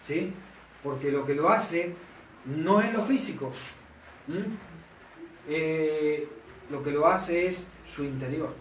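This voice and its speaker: A man delivers a sermon, checking in with his listeners again and again. His voice sits a little high for a man. He is recorded from some way off in an echoey room. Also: slow pace, long pauses, a little hiss or hum. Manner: asks the congregation for constant confirmation. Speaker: pastor. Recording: echoey room, mic at a distance.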